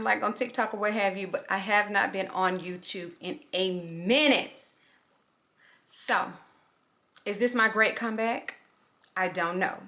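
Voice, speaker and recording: A woman's voice: medium pitch, pushed and bright. A middle-aged woman chatting casually in a get-ready-with-me vlog, rambling and repeating herself, talking with a swollen lip. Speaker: vlogger.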